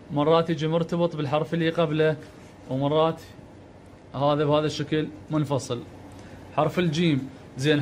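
A man with an Iraqi Arabic accent gives a reading lesson, sounding out each letter and syllable and patiently repeating them. His voice sits a little high for a man. A faint hiss runs under the recording. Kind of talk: slow step-by-step lesson.

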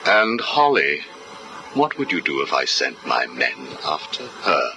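A man's voice: extremely low pitch, very animated, music in the background, heavily acted. A man playing a cold, clinical older psychiatrist questioning a prisoner, heard as a recording played back from an interview cassette tape. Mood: coldly probing. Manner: measured, clinical, condescending. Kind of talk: video game voice acting.

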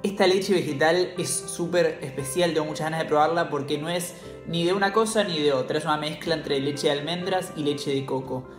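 A man's voice: on the high side, brisk, few pauses, echoey room, soft background music. A man with an Argentine accent hosting a casual tasting vlog, chatty and slangy, laughing often. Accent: Argentine Spanish. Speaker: cooking channel host.

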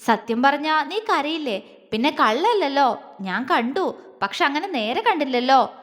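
A woman voicing a tender young husband who speaks softly, stammering and halting. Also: high voice, big pitch swings, in a large hall, full character voice. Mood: coaxing.

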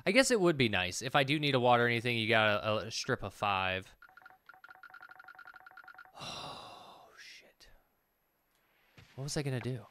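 A man in his thirties does casual let's play commentary from a small room at home, muttering to himself and swearing offhandedly over game music. His mid-range voice is animated, bright and forceful, at a measured pace with frequent pauses and a little hiss or hum.

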